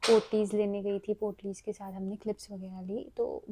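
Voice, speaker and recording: A woman's voice: medium pitch, little pitch movement, normal speed. Chatty young female vlogger talking to viewers, phone mic, noisy street. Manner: chatty, bubbly, addresses viewers directly. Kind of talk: casual vlog chat. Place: city streets, shops and home. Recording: noisy street and shop sound.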